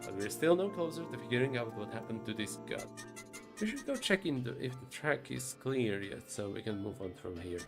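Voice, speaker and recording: A man's voice: mid-range voice, sing-song, moderate pace, vocal fry, over music. A man doing a grumpy, sarcastic train conductor. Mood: grumbling. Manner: sarcastic, grumbling.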